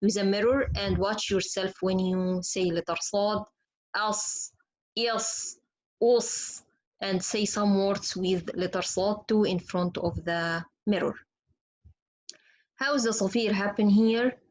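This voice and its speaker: A woman's voice: mid-range voice, steady tone, normal speed, rough recording. A woman whose first language is Arabic, teaching Quran pronunciation in an online lesson and demonstrating letter sounds patiently.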